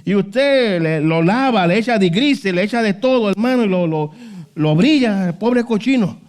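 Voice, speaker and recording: Fervent high-voiced pastor. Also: male voice, lively intonation, moderate pace, darkish tone. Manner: fervent preaching, constant "hermano" and "aleluya" interjections; rhetorical questions, voice rises and falls sharply. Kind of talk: sermon.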